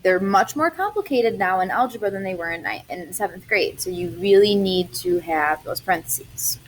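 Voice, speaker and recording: A woman's voice: medium pitch, animated, normal speed, slight background noise. A young adult woman, a math teacher, explaining algebra step by step in a chatty recorded lesson.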